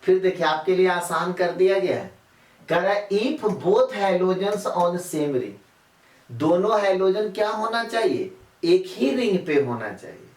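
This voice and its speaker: A man's voice: high voice, animated, slow pace, a little mellow. Male teacher, rhetorical questions, distant mic. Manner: repetitive, quizzes students with rhetorical questions. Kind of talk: classroom chemistry lecture. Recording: echoey room, mic far off.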